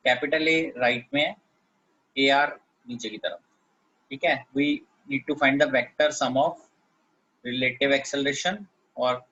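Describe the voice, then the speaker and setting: Male physics teacher, slow deliberate lecture, bright husky voice, dull lo-fi recording. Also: medium pitch. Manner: explains step by step, often checking "okay?". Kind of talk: classroom lecture at a board.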